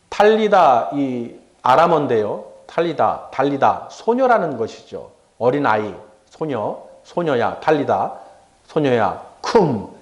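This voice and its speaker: A middle-aged male pastor preaches in a high, bright-toned voice, and his pitch swings widely from line to line. He acts out the doubters and Jesus as he goes and keeps prompting the congregation to say amen. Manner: calls out to the congregation for amens. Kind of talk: sermon.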